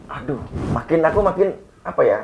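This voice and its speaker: A man's voice: a little high, expressive, a little fast, gravelly, background noise. Man retelling an eerie story casually. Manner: conversational, acts out quoted dialogue with a friend. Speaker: storyteller guest. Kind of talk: casual retelling of a ghost experience.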